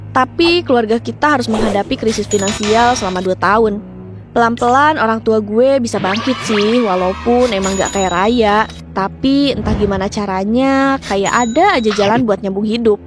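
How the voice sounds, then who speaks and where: A young adult woman from Indonesia with speech, telling a personal story casually in the first person. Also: fairly high pitch.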